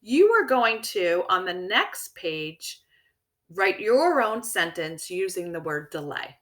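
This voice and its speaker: A woman teacher talks young pupils through a word lesson in a bright, clear voice. She speaks slowly and patiently, and her pitch rises and falls a lot as she explains. She checks in often to keep the children following. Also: sing-song. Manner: slow, clear, encouraging teacher talk with checking questions. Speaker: elementary school teacher. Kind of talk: recorded vocabulary lesson for children.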